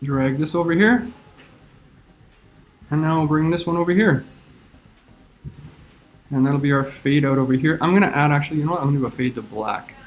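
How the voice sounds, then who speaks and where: A teacher walks through a video-editing lesson, narrating each click as he makes it. His voice sits a little high for a man. Soft music plays faintly underneath. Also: brisk, long pauses. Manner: talks through each step while clicking. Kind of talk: screen-recorded software tutorial.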